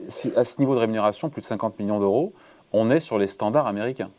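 A male radio host with a fairly low voice and a mellow, warm tone. He talks steadily in a discussion and uses short fillers now and then. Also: quick pace.

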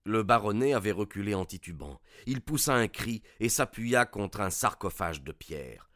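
A man narrating a detective story in a measured, suspenseful reading style. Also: lowish voice, lively intonation, fairly bright tone, dry recording, studio quality.

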